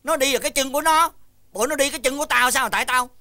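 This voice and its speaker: A man's voice: extremely high pitch, rapid-fire, pushed and bright, heavily acted. An actor playing an exasperated older village fortune-teller and father in a comedy sketch. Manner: exasperated, theatrical sighing and laughing. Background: background music.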